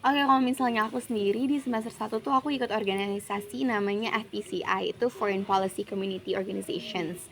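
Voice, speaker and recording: A woman's voice: mid-range voice, fairly even intonation, fast, few pauses. A young woman from Jakarta, a university student, chatting casually as an interview guest and dropping English phrases into her speech. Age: young adult.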